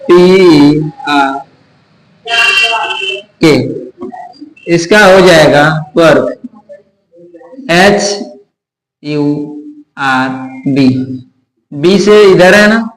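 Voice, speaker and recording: A man teaching English pronunciation, spelling words out letter by letter and answering his own rhetorical questions. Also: a little high. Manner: slow, repetitive explaining. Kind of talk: classroom-style lesson. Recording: echoey room.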